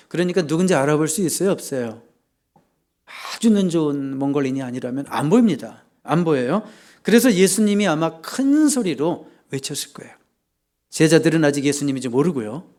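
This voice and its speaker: A male pastor delivers a sermon in a church, his voice sitting a little higher than most men's. He tells the story in an animated way, stopping often to put questions to the congregation. Now and then he bursts into loud acted shouts. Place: church sanctuary.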